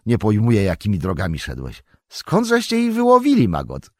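A male reader doing a cheerful young hobbit, eager and chatty, speaking up brightly. The voice is raised well over the narrator's own deep tone and stays slightly husky. It sounds close and dry. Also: wildly swooping pitch, brisk, no echo.

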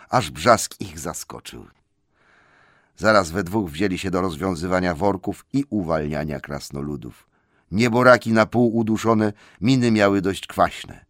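A male audiobook narrator reads a fantasy tale with expressive storytelling. His voice sits low but moves in lively pitch swings, recorded close and dry with no room sound. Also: dry recording. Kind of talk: scripted narration.

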